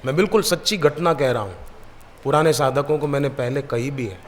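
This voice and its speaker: A man preaching at a devotional gathering, at a mid-range pitch. He tells his parables in a lively way and slips into the voices of the people in them. His words ring out with the long reverb of a large hall. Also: brisk. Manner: lively storyteller who acts out the people in his anecdotes. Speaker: spiritual preacher. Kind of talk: devotional sermon with storytelling.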